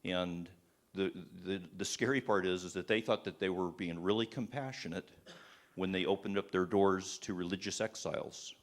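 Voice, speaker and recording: Fervent low-voiced man preaching. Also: fairly even intonation, normal speed. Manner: fervent, rhetorical questions, many restarts. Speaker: speaker at a church event. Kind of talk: impassioned sermon-style presentation. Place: live talk before an audience.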